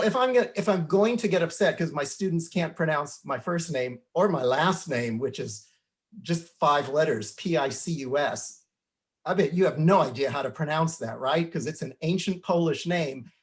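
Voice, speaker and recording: A man's voice: on the high side, moderate pace. An older man, a teacher of forty years, speaking earnestly and instructively in a panel discussion.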